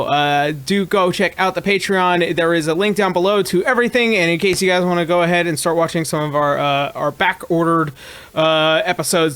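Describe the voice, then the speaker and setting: A man's voice: a little high, a bit bright. A man running a tabletop game as dungeon master, chatting casually with many fillers and recapping the story. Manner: rambling, many fillers, laughs often. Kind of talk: casual chat and game narration.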